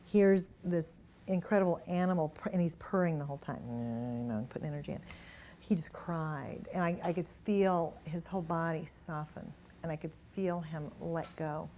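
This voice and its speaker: A woman speaking to a gathered audience in an indoor room, sharing healing stories in an animated, chuckling way. Her voice sits somewhat low and sounds mellow and warm. The tone is that of a workshop talk mixing anecdotes with demonstration. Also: moderate pace, slight background noise. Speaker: energy healer giving a workshop talk.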